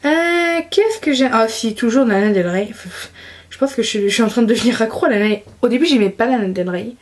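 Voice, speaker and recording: Chatty young woman, fairly high voice. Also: brisk. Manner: chatty, enthusiastic, many fillers and restarts. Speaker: beauty vlogger. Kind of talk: casual monthly favorites chat.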